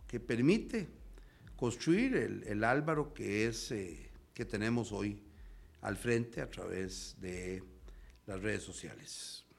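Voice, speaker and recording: Slow, gravelly Costa Rican radio host. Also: male voice, lowish voice, expressive. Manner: slow, deliberate, with frequent hesitations. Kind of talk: radio interview.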